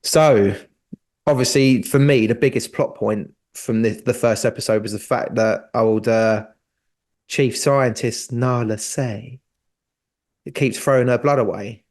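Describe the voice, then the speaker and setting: Male podcast co-host, mid-pitched and gravelly, jokey and relaxed. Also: measured pace. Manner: jokey, laughs often, says "mate". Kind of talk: casual chat.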